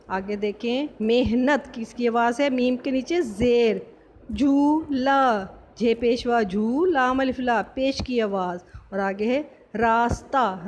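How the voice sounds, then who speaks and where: A woman teaching a primary school language lesson, spelling words slowly sound by sound and quizzing her pupils. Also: fairly high pitch, a little hiss or hum. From Pakistan. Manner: slow, syllable-by-syllable spelling with quiz questions. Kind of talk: recorded classroom lesson.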